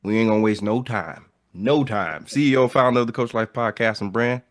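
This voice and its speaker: A man's voice: medium pitch, fairly quick, no echo, clean studio sound. A man hosting a podcast in casual chat, opening with upbeat intros and repeated phrases. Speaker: podcast host.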